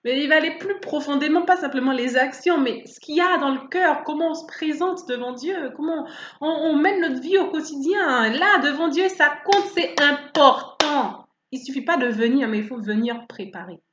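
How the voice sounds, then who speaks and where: A woman preaching a sermon in an animated way, asking rhetorical questions and acting out people's attitudes. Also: high-pitched, normal speed, slight background noise. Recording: roomy, slightly dull recording.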